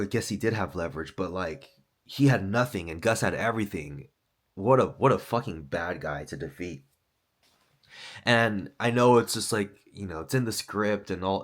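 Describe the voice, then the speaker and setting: Deep-voiced man rambling casually. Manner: loose, profane, full of fillers like "like" and "dude". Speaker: author and podcaster.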